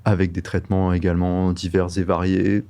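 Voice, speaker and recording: Middle-aged guy with a french accent, really low mellow voice, lots of pauses and restarts. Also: little pitch movement. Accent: French from France. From France. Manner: halting and thoughtful, many hesitations and restarts. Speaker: guest, microbiologist and breathing-method instructor. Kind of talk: conversational interview.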